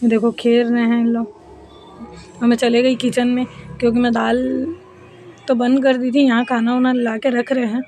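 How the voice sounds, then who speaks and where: Chatty high-voiced woman vlogging at home. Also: level tone, moderate pace, long pauses, warm tone, faint music behind. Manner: chatty, addresses viewers as friends. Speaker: family vlogger. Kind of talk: casual home vlog narration.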